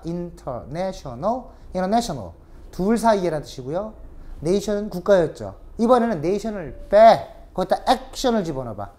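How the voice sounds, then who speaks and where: A woman lecturing on English vocabulary in Korean, teaching with rhetorical questions and repeated drills. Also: fairly low pitch. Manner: lively, animated teaching with rhetorical questions and repetition. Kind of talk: recorded online lecture.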